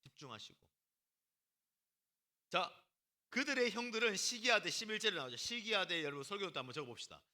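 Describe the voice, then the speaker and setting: A man leads a youth-group sermon in a bright, high voice. His pitch jumps around a lot as he acts out little scenes. He calls on students by name and keeps the talk casual and teasing. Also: lively intonation, a little fast, long pauses. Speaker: youth pastor.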